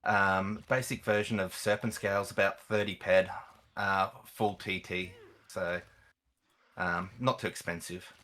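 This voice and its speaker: A seasoned gamer and event organiser appears as a guest on a chat, explaining things casually and conversationally. His voice is low yet bright and forward, with a level tone and an unhurried pace.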